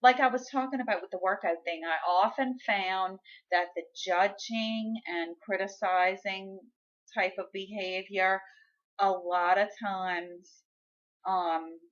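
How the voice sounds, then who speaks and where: A woman's voice: medium pitch, fairly even intonation, slow pace, lo-fi sound. A woman vlogger telling a personal story in a frank, candid and exasperated way. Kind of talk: casual personal storytelling to camera.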